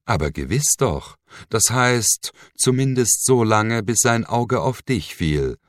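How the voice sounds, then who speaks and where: Man voicing a sneering sinister villain, cold and menacing, slow, dry close sound. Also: fairly low pitch, animated, dry recording, voice pushed up. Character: mocking sinister man, cold cult leader. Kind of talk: audiobook reading.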